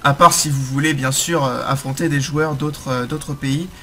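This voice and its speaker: A young man giving a game tutorial commentary, halting often with fillers and correcting himself as he explains the screen. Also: medium pitch, fairly even intonation, pushed and bright. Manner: hesitant, many fillers and self-corrections. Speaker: game guide host.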